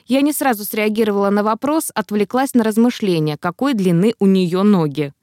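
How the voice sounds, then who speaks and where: Woman audiobook narrator, first person, wry and expressive; dry read. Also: mid-range voice, brisk, no echo.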